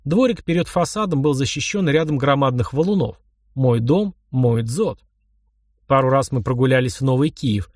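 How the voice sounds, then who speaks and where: A man's voice: mid-range voice, expressive, moderate pace, a little mellow, no room sound, clean studio sound. A man narrating a first-person novel in a wry, conversational storytelling manner. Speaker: audiobook narrator.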